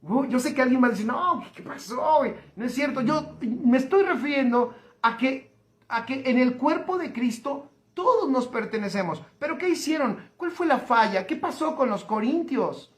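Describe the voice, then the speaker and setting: A man, a pastor preaching a livestreamed sermon, emphatic and slowing down to repeat key phrases. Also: very high-pitched, expressive. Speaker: pastor and teacher. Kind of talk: livestreamed sermon reading viewer comments.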